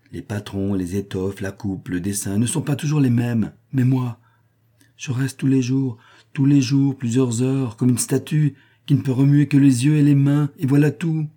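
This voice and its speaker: A man's voice: fairly low pitch, warm tone, breathy edge. A man voicing a weary young slave girl who complains and pleads in a read-aloud novel. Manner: plaintive, pleading.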